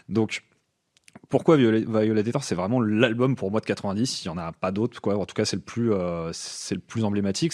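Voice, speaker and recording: A man's voice: fairly low pitch, darkish tone. A man co-hosting a podcast, talking casually and with enthusiasm, with frequent fillers and restarts. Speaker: podcast co-host. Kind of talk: casual music chat.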